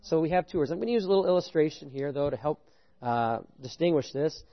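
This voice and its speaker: A man giving a lively sermon in a fairly high voice. He rises in pitch on his main points, checks in with the listeners and chuckles between points. The recording sounds dull and lo-fi. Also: fast talker. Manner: animated, rising pitch on key points, chuckles, asks "right?". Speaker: preacher. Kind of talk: sermon with audience participation.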